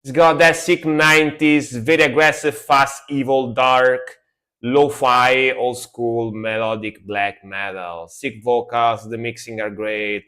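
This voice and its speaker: Reacting to music live, a young man with an Italian accent speaks English as a non-native speaker, enthusiastic and rambling, repeating words such as "sick." His medium-pitched voice has fairly even intonation, a slow pace and a sharp tone.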